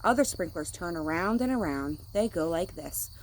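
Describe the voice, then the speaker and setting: A woman's voice: on the low side, animated, moderate pace, a little hiss or hum, poor audio. A woman reading a picture book aloud to children, speaking simply like a teacher to young listeners. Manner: acts out sound words.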